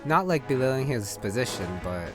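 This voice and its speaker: With game music playing behind him, a man offers casual, offhand commentary while he plays, thinking out loud and letting sentences trail away. His medium-pitched voice swings widely in pitch at a normal speed.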